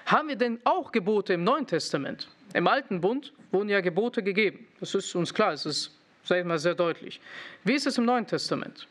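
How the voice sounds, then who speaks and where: High-voiced man preaching with teasing irony. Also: brisk. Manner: lively, questioning the congregation with teasing irony. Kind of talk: sermon.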